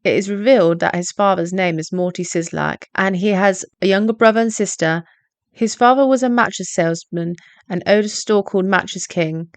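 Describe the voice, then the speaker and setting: A woman, reading a scripted video essay narration in a measured, explanatory way. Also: mid-range voice, no echo.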